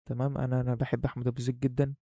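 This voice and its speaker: A man's voice: medium pitch, monotone, very fast, mellow, no echo, clean studio sound. A young man with an Egyptian accent, talking casually and playfully straight to the viewer in a vlog, his voice muffled by a face mask he is wearing. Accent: Egyptian Arabic. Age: young adult. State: muffled, breathing hard through a face mask. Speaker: YouTuber. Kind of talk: casual vlog talk to camera.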